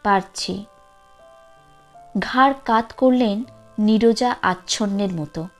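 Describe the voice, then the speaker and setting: A woman reading a classic story aloud as narrator, measured and expressive. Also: a little high, faint music behind.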